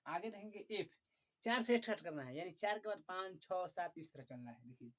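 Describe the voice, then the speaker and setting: A man teaching an online chemistry lesson, dictating slowly and repetitively, often saying "look" and counting aloud. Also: high-pitched, lively intonation. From Bihar, India. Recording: dull lo-fi recording.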